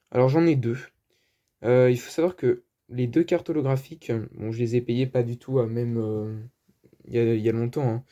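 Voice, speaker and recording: This French-accented man has a mellow voice of medium pitch. Chatty yet hesitant, he fills his talk with fillers as he casually presents the cards he collects.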